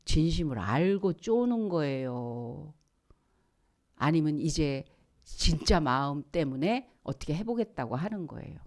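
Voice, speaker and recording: A woman pastor preaching a sermon in a church. She talks in an animated way, acts out the voices of people in her examples, and drops to a hushed near-whisper for emphasis. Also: deep voice, unhurried.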